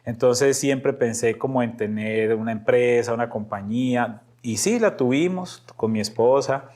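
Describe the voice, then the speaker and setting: A middle-aged man from Medellín, Antioquia, Colombia, with a paisa accent, speaks in a medium-pitched, unhurried, slightly mellow voice. As a podcast guest he casually tells personal stories and acts out snippets of dialogue.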